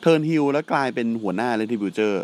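A man with a medium-pitched voice gives casual wrestling commentary as a podcast co-host. He is blunt and slangy, and swears freely. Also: lively intonation, normal speed, a little mellow.

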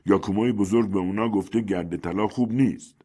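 A man voicing an excitable interpreter. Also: on the low side, husky. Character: excitable interpreter named Mac.

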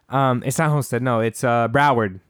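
A man co-hosting a relaxed podcast chat about movies, stumbling over his words and restarting often. His voice sits at an ordinary mid pitch in a dry, close recording. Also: no room sound. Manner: hesitant, stammering, laughing, swearing. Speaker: podcast co-host. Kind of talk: casual chat about films.

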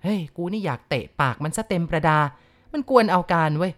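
A woman reading the part of a coarse, rough-talking rural man who tells a ghost tale bluntly and with swagger. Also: lowish voice, lively intonation, a little fast, soft background music, natural voice. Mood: rough, boastful. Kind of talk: storytelling narration.

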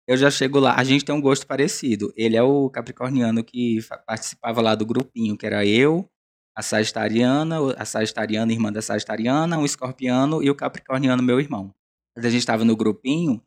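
A Brazilian man with a hoarse smoker's rasp, hosting a solo podcast in a casual, rambling, self-deprecating, confessional way. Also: mid-range voice. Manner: self-deprecating, chatty, digressive.

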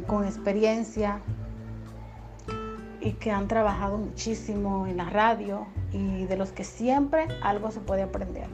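A woman from the Dominican Republic with a softened Dominican accent, hosting a podcast in an encouraging, chatty way with frequent fillers. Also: mid-range voice. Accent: Dominican Spanish, softened toward neutral. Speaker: podcast host and radio announcer. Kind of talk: casual motivational podcast talk.

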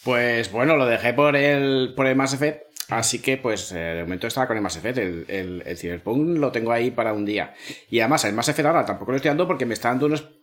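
A man's voice: mid-range voice, fast, a bit bright. A man chatting as a co-host on a live-stream podcast in a rambling, easygoing way.

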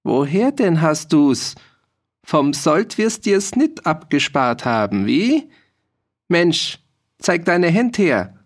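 A man voicing a shrill, scrawny, mocking old male peasant in an audiobook reading. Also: big pitch swings, exaggerated voice. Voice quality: shrill, screeching. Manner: taunting, drawn-out questions.

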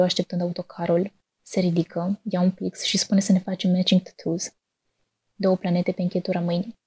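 A young woman from Romania reads her own story aloud in a calm, measured way. Her voice is mellow and a little husky, and it stays level with little rise and fall. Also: on the low side. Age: 20s. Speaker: narrator. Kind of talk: scripted personal narration.

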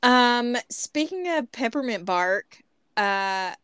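A middle-aged woman with a Southern, Appalachian-style hillbilly accent hosts a podcast, chatting casually and poking fun at herself. Her fairly high voice is expressive, slow, a bit bright, and smooth. The recording is dry.

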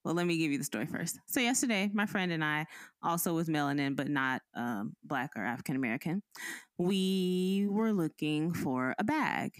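In clean audio with no room sound, a deep-voiced woman speaks at normal speed. She's a podcast cohost spinning a story in relaxed chat, lively and performing each character's part.

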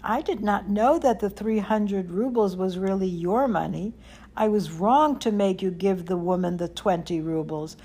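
A woman's voice: medium pitch, moderate pace, warm tone, husky. A woman voicing an indignant male town rabbi in a storybook, speaking firmly and later sounding shaken. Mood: remorseful. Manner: stern, then shaken and apologetic.

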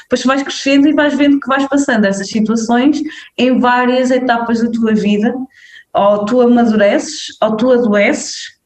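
A young woman with a northern Portuguese accent and a voice on the high side is a guest in a relaxed interview. She talks animatedly with plenty of fillers and quick checks with the listener, and there's a roomy echo.

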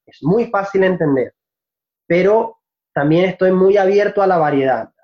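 A man from Venezuela, a Spanish teacher, answering interview questions in a reflective way, often pausing to search for words and laughing easily. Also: high-pitched, lively intonation. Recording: dull, lo-fi recording.

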